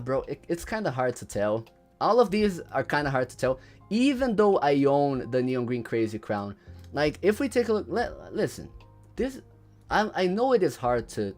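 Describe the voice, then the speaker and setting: A man livestreaming casually. He says "bro" and "you know" all the time, repeats his lines, and reads chat messages aloud before answering them. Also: on the high side. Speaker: livestreamer ranking game items.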